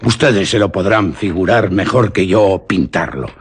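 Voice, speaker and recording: In a low, husky voice with a rough edge, a man theatrically narrates a suspenseful story. He takes his time, giving it the deliberate feel of literary radio theatre.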